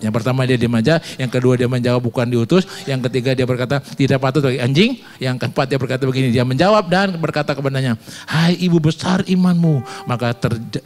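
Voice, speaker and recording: A man preaching a sermon in church, shifting from quiet talk to loud, emphatic calls and acting out quotes in slangy banter. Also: medium pitch. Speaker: pastor. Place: church hall.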